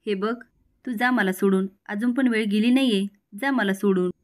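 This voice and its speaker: A woman's voice: medium pitch, moderate pace, close to an everyday voice. A torn young man of a family drama, read by a woman narrator. He speaks earnestly, pleading at first and scolding later, a little above the narrating voice. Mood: remorseful. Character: young man, torn, guilty then angry.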